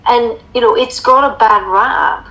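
Gravelly-voiced American woman explaining. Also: a little high, a little slow, bright, forceful tone, poor audio. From United States. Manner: emphatic, rhetorical questions, confident explaining. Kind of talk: casual chat.

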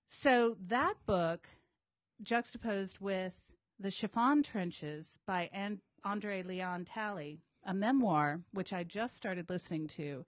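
A woman's voice: lowish voice, dry recording. A woman co-hosting a bookshop podcast in casual, conversational talk. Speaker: co-host, bookseller.

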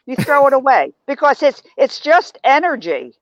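Animated older woman guest, dry sound. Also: sits high, normal speed, dry recording. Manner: animated, acts out quoted remarks in changing tones. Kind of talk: casual interview talk.

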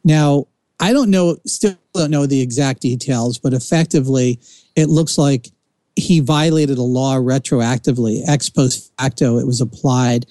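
A man's voice: medium pitch, a little slow, warm tone, no room sound. Opinionated man with a Jersey accent. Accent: New Jersey. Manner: opinionated, rambling with restarts. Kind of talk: casual chat.

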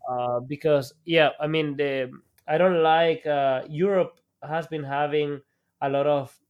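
A man's voice: a little high, steady tone, measured pace, smooth, muffled recording. A man from El Salvador, an entrepreneur guest on a podcast, speaking over a video call with many fillers and restarts. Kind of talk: podcast interview.

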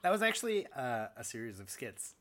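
A man's voice: mid-range voice, big pitch swings, brisk, fairly bright tone. A man hosting a podcast, talking in a casual, bantering way as he reviews wrestling. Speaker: podcast host.

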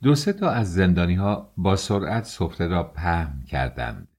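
A man's voice: sits low, very animated, darkish tone, husky. A man reading an audiobook aloud, narrating a story and shifting his tone for the quoted characters. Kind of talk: audiobook narration with acted dialogue.

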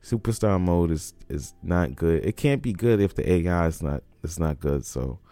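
Deep, mellow man with a cold. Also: lively intonation, moderate pace, no room sound. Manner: rambling and laid-back, with chuckles and restarts. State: congested from a cold. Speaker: podcast host. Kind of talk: casual solo gaming podcast.

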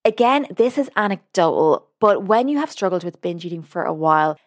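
A woman's voice: on the low side, animated. Earnest woman podcast host. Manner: earnest, measured, explanatory. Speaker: podcast host and binge eating coach. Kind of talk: podcast monologue.

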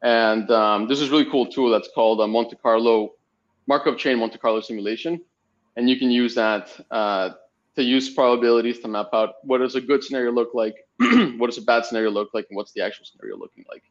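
Podcast guest: young man from Spain, chatty and meandering, mid-pitched, slightly dull lo-fi sound. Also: steady tone, brisk. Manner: rambling storytelling with frequent fillers. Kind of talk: casual podcast interview.

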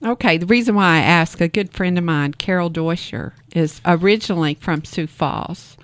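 An enthusiastic woman with a New York accent co-hosts a chatty conversation. Her voice sits on the low side, recorded dry and close. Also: normal speed, dry recording. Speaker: podcast co-host. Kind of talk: casual chat.

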